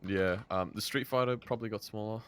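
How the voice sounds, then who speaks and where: A young man guesting on a casual gaming podcast, excited and slangy, restarting often. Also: fairly low pitch, a little fast, smooth. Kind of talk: casual chat.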